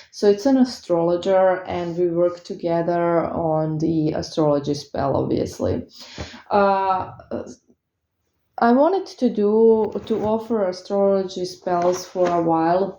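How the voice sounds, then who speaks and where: A mellow, lowish female voice belongs to a Croatian tarot reader with a Croatian accent. She chats casually with viewers, hesitant and heavy on fillers, in a recording marked by an echoey room and dull lo-fi sound.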